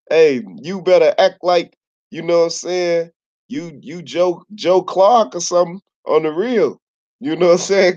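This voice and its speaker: A man's voice: sits high, darkish tone. A man from Chicago with a Chicago accent, talking casually to camera in a slangy, laid-back storytelling way. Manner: laid-back slangy storytelling, many "you know what I'm saying". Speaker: YouTuber. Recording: slightly dull lo-fi recording.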